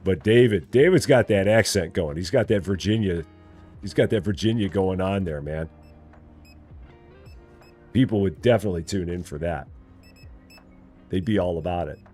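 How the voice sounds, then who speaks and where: A man with a General American, Midwest Illinois accent streams a game live, chatting casually, teasing playfully and repeating himself. His voice is low-pitched and a little mellow, at a moderate pace with frequent pauses, and faint music sits behind it.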